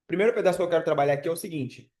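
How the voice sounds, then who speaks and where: A man's voice: on the high side, racing, darkish tone, roomy sound. A man in his twenties teaching English in a casual live online class, chatty and full of fillers and check-ins with his students. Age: 20s.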